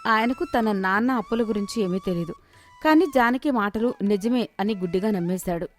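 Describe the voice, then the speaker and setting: A woman narrating a moral story for an animated series in an expressive storytelling manner. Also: medium pitch, normal speed, soft background music.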